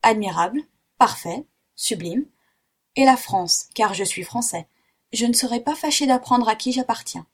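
Husky-voiced excitable French geographer, theatrical outbursts; woman reader. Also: fairly high pitch, moderate pace. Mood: excited. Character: excitable middle-aged male French geographer.

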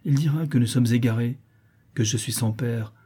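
A man voicing a cold, calculating brigand in an audiobook, calm and authoritative. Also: mid-range voice, moderate pace, breathy edge, lightly acted. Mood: commanding.

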